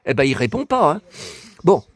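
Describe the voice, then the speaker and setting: A man casually vlogging about collector books, excitable and rambling, talking straight to his viewers. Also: a little high, normal speed, no echo.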